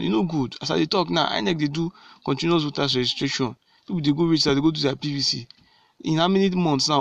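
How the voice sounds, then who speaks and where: A man's voice: a little high, gravelly, no room sound, lo-fi sound. A man with a Nigerian accent speaking directly to fellow citizens in a civic talk, repeating key phrases and answering his own questions.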